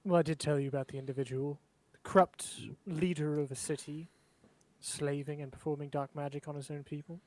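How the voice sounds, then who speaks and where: A man playing an inquisitor priest in a tabletop game, speaking earnestly and measured. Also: on the high side, steady tone. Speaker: player. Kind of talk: in-character speech.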